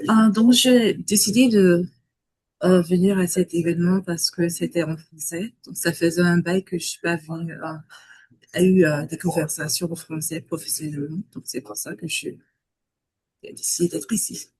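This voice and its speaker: A woman's voice: lowish voice, steady tone, moderate pace, a little mellow, slightly rough. A woman giving a casual, slightly hesitant introduction of herself on a call. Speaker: meeting participant.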